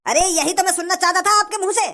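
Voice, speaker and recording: A scheming male village election candidate from a cartoon, persuasive one moment and stammering the next, voiced by a woman. The voice is very high. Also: fast talker, pushed and bright, full character voice. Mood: rousing. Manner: stammering when cornered, persuasive with crowds. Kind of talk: cartoon voice acting.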